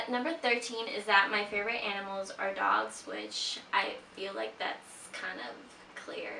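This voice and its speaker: In a sit-down vlog, a Peruvian woman in her twenties who speaks Spanish natively chats with viewers in a mid-range, gravelly, sharp-toned voice, full of "like" fillers and giggles. The room sounds echoey, she's a bit far from the mic, and there's slight background noise.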